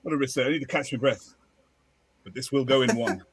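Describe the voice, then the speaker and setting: A man's voice: medium pitch, quick pace, breathy edge, no room sound. A man co-hosting a football watchalong, calling the play live with jokey asides. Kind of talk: excited live match commentary.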